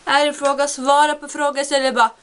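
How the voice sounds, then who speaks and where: A woman's voice: level tone, a bit bright, a little hiss or hum. Exasperated young woman ranting at her webcam. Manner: exasperated, mocks others in high voices. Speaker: vlogger. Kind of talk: casual vlog rant.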